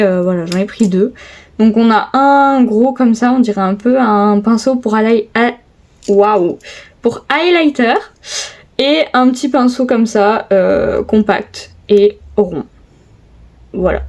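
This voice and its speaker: A woman's voice: a little high, darkish tone. A young woman chatting casually through a make-up tutorial, filmed on her phone at home, with many hesitations and little repeated gushes. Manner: chatty, lots of hesitations and repeated "trop, trop beau". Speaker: beauty vlogger. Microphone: phone camera.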